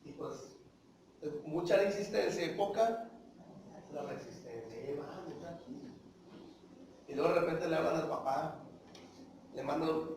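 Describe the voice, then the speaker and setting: A man's voice: on the high side, a little slow, long pauses, a little mellow, a little hiss or hum. A man preaching a sermon, calling his listeners brothers, asking rhetorical questions and acting out little dialogues. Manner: acts out short dialogues in voices. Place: church hall. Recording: echoey hall, voice from far off.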